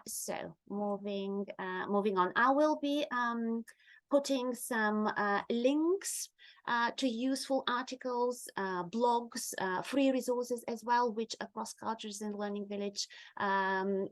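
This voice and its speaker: Friendly and prone to frequent fillers, a middle-aged native Bulgarian speaker hosts an online webinar. The recording is dry, and her voice sits slightly high.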